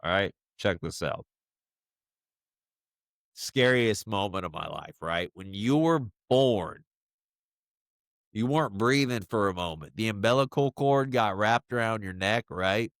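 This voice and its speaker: A father speaks straight to his young son in a personal video message, choked up and halting, leaning on fillers as he searches for words. His delivery is very slow and unhurried, and the sound is dry and close with no room around it. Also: fairly low pitch, lively intonation, fairly bright tone, no echo. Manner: halting and emotional, many fillers.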